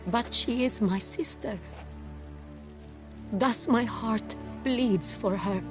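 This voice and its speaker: An actress voicing a gracious ruling duchess in a video game, speaking in formal, stately court language. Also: female voice, fairly high pitch, takes it slowly, soft background music. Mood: gentle. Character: gracious regal duchess, ruler of a realm.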